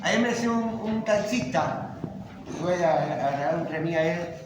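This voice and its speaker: A man's voice: fairly high pitch, lively intonation, moderate pace, recorded from a distance. A man from Cuba, a teacher giving a classroom lecture, speaking emphatically and firing off rhetorical questions. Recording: very echoey classroom from afar with background noise.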